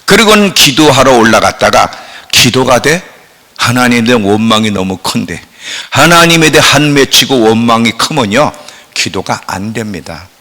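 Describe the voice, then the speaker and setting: A middle-aged male pastor delivers a lively sermon in a bright, forceful voice, his pitch leaping between high outcries and low, hushed asides. The sound rings out with a long reverb through a church sanctuary. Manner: animated preaching, swinging from loud outcries to hushed asides.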